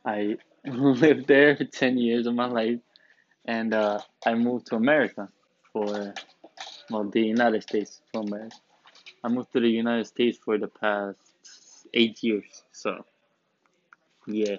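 This young Romanian, in his late teens, hosts a student podcast from a school back room, rambling and joking in a relaxed way. His mid-range voice is flat and unhurried with long pauses and no echo, and the lo-fi recording sounds dull and dry.

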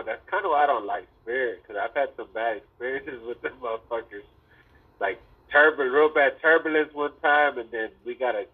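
A man's voice: mid-range voice, husky. Tinny-sounding frat bro guy chatting. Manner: frat bro slang, heavy swearing. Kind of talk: casual chat. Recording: tinny, narrow phone-like sound.

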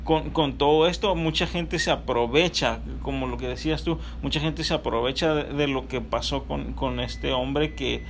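A man's voice: mid-range voice, normal speed, few pauses, slight background noise. A man in casual chat, speaking hesitantly with many restarts and often affirming the other speaker.

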